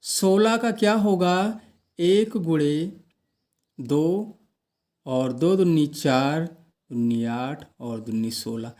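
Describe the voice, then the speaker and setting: Slow, mellow-voiced male math teacher. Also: a little high. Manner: asks questions and answers them himself. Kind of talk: explaining a math lesson.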